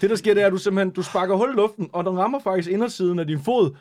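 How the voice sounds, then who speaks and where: Brief: male game master, high voice, narrates the match and rules with lively energy. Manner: lively narration, acts out quoted shouts. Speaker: game master, podcast host. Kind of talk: narrating a tabletop football game.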